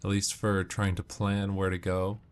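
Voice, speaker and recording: A man with a deep, smooth voice talks at a moderate pace in a completely flat way, casually and matter-of-factly explaining tactics while playing, like a gamer giving walkthrough tips. The recording is noisy, with video game gunfire and ambience behind his voice.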